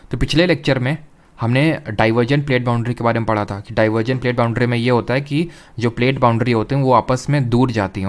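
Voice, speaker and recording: Speaking in a mid-range voice, this young adult man teaches geography for exam preparation. He breaks each point down step by step, drops in English terminology and frequently asks if the class is keeping up.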